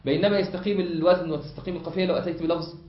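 A man with an Egyptian accent, teaching a lesson as a sheikh, often pausing to have students fill in the word and repeating points. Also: fairly high pitch, fairly even intonation, slight background noise. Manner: asks the class to fill in words, repeats points. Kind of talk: classroom lesson. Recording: echoey hall, muffled lo-fi.

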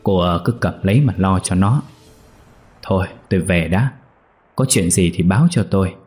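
A man voicing a gruff but caring older brother who gives brusque orders. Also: low-pitched, normal speed, darkish tone, soft background music, natural voice. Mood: gruff kind. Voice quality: brusque, bossy.

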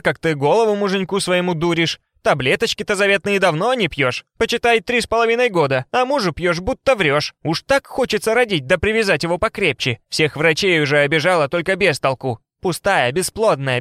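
A man's voice: high-pitched, lively intonation, fairly quick, few pauses, fairly bright tone, dry recording, voice pushed up. A spiteful, witch-like neighbor woman, put on by a male reader sneers and taunts in a raised, sing-song voice. She is coarse and mocking, and she savors every nasty word. The audiobook recording is dry and close.

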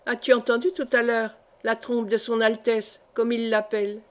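A woman's voice: fairly high pitch, flat delivery, normal speed, natural voice. A woman reading the part of an old, feverishly exalted count in an audiobook, with an emphatic, proud delivery. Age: older.

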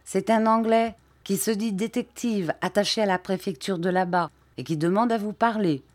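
A woman's voice: medium pitch, normal speed, darkish tone, no echo, natural voice. A woman reading as a deferential police inspector. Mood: respectful.

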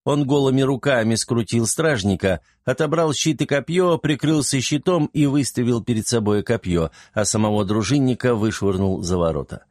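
A man narrating a fantasy audiobook in a brisk, vivid storytelling manner. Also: medium pitch, lively intonation, a little mellow, no echo, clean studio sound.

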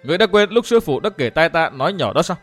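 A man's voice: on the high side, sing-song, fast talker, soft background music. A man voicing a fiery young heroine, Linh Nhi. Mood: stern. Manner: sharp, scolding, tearful outbursts. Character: young woman, fiery and sulky martial heroine.

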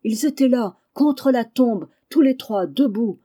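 A woman's voice: fairly high pitch, expressive, a little slow, mellow, pitched above the performer's own voice. A woman reader voicing a terrified, superstitious young peasant man who pleads and sobs in panic. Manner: panicky, tearful, breathless pleading.

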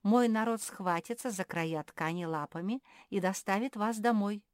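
A woman voicing a calm, commanding male bat king in a storybook reading. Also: medium pitch, moderate pace, smooth, no echo, clean studio sound, voice pushed up, close to an everyday voice. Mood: regal.

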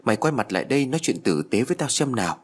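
Scared teenage girl as a man puts her on, trembling and pleading, husky, lively pitch. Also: very fast. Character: frightened teenage girl, the story's narrator.

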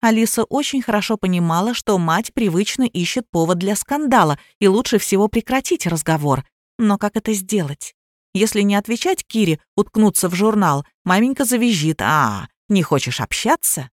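A female audiobook narrator reads a novel aloud in scripted narration, telling the story evenly. Her voice is mid-range at a moderate pace, captured in a clean studio with no room sound.

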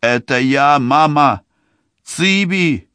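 Audiobook: man doing a desperate young woman, raised high, shouting and tearful. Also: very slow, clean tone, no room sound, exaggerated voice. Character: desperate young woman calling for her mother. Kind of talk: audiobook character voice.

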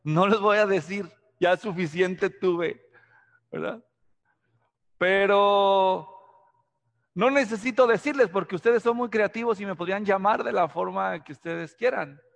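A man's voice: sits high, a little slow, gravelly, long reverb tail. A man from Mexico preaching an expository sermon, often asking the congregation questions. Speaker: pastor.

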